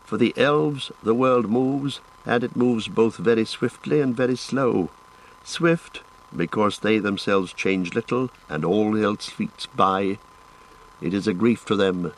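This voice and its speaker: A man's voice: on the low side, slow, poor audio. A man voicing a graceful, ageless male elf with a lilting, solemn and lofty way of speaking, raising his voice for the part. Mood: wistful.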